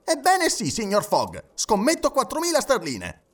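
A man voicing an excitable, stubborn English gentleman who keeps exclaiming in agitation. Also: high voice, moderate pace, pitched above the performer's own voice. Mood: heated.

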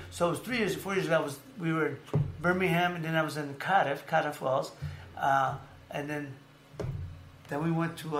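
A man with a slightly high voice talks boxing and sports in a loose, rambling way, stacking up fillers and restarts as he goes. His voice rings in an echoey room, with a faint hum of ambience behind him. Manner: rambling, animated storytelling with many fillers. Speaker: podcast host. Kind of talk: casual sports chat.

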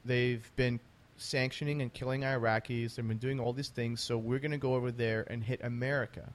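A man's voice: mid-range voice, level tone, fairly quick. A man hosting a conversational interview, talking emphatically and repeating phrases to drive points home. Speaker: interview host.

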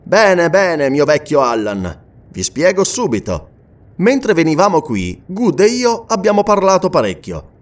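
A man voicing a restless, adventurous English gentleman in an audiobook, talking in a lively, emphatic, raised voice. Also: a little high, a little slow, pitched above the performer's own voice. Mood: jovial. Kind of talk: audiobook character reading.

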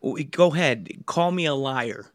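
A man's voice: medium pitch, expressive, a little slow, a loud crowd. A man co-hosting a casual podcast, a comedian who jokes wryly and defends himself. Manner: wry, defensive joking. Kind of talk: casual chat.

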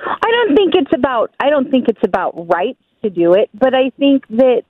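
A woman's voice: high voice, sing-song, normal speed, no room sound, phone-quality sound. A woman calling in to a radio show, cheerful and upbeat as she chats. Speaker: caller, host's sister. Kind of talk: call-in radio chat.

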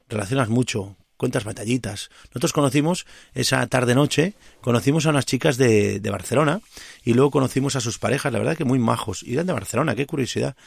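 A man's voice: mid-range voice, gravelly, husky, no room sound, clean studio sound. A man from Tarragona, a podcast host, casually recounting a pilgrimage stage with many restarts and self-corrections. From Tarragona, Spain. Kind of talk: casual travel storytelling.

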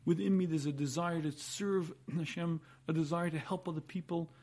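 A man teaches a religious class. His voice is slightly high yet soft-edged and mellow, with a husky rasp and frequent throat clearing. He explains emphatically, using repetition and rhetorical questions. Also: fairly even intonation, normal speed. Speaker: rabbi giving a Torah lecture.

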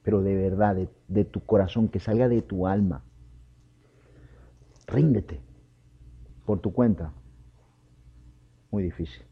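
A man's voice: deep voice, takes it slowly, long pauses, slightly rough. A man preaching a fervent personal testimony, speaking straight to the listener and calling him brother. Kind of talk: emotional testimony and exhortation. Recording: dull lo-fi recording.

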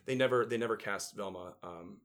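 A man's voice: fairly low pitch, brisk, a bit bright. A man in musical theatre, chatting casually as a guest and telling stories with lots of fillers and restarts. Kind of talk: casual storytelling chat.

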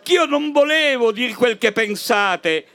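A woman's voice: fairly high pitch, expressive, slow, fairly bright tone, voice pushed up, exaggerated voice. A woman doing a flustered old parish priest. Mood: scolding. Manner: exclaiming, scolding the congregation.

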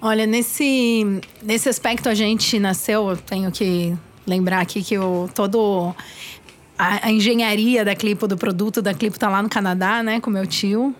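A woman in casual podcast conversation, frank and quick to laugh, now and then swearing as she explains her company. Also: medium pitch, steady tone, a little hiss or hum. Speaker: guest, startup founder.

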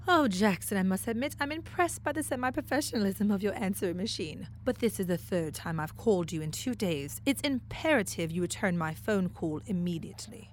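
A woman's voice: medium pitch, lively intonation, a little fast, hardly any pauses, slight background noise, close to an everyday voice. A woman playing a haughty, polished madam in an audio drama, leaving an indignant voicemail in formal, condescending diction. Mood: indignant, insistent. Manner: indignant, insistent voicemail scolding. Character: haughty, polished madam of a secret high-end club.

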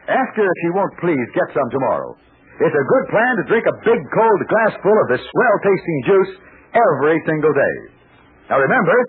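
A man announcing an old radio show in 1940s style, giving an enthusiastic sponsor pitch. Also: husky. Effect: old radio show broadcast. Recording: tinny 1940s radio transcription with faint hiss.

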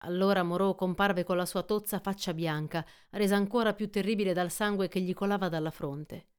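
A woman reading a classic adventure novel aloud as an audiobook, in an even, measured storytelling manner. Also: mid-range voice, smooth. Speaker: audiobook reader. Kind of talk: scripted literary narration.

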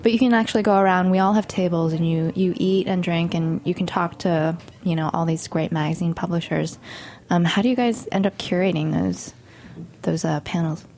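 A woman's voice: on the low side, brisk, a little mellow, a little hiss or hum. A woman hosting a radio chat, asking her guests questions in an upbeat way. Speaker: radio host. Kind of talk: casual radio interview.

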